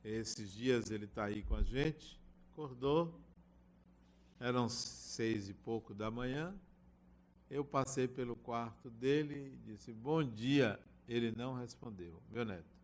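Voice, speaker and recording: A man's voice: medium pitch, slow pace, slight background noise. An older man giving a spiritual talk, telling a family anecdote and acting out the dialogue. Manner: storytelling, acts out family dialogue.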